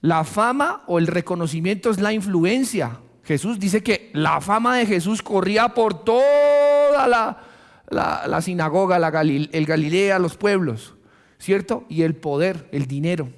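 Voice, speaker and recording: A Colombian man preaching a sermon as pastor, animated and joking, often laughing, in a church. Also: high voice, a little slow. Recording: long reverb of a church hall.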